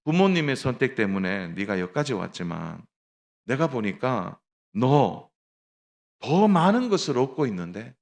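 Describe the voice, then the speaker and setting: A man's voice: mid-range voice, sing-song, a little slow, gravelly. A middle-aged male pastor giving a Sunday sermon, telling a story with acted dialogue and addressing the congregation directly.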